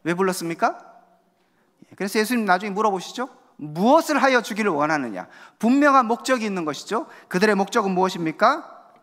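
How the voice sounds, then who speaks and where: A man's voice: high voice, lively intonation, a little fast, fairly bright tone. A male pastor preaching a sermon in a church, asking the congregation questions and acting out the voices of the crowd. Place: church sanctuary. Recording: long church hall reverb.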